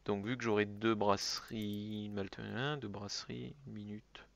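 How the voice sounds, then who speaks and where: Low-voiced guy streaming a builder game, mumbling numbers, joking around. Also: level tone, moderate pace, vocal fry, a bit bright. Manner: mutters calculations, jokey asides. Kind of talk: casual let's-play commentary.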